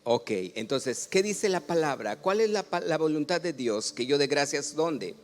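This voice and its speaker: A Mexican man, a pastor, preaching a sermon. He asks the congregation questions, has them read along, and often builds up to loud exclamations. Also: a little high, animated, normal speed.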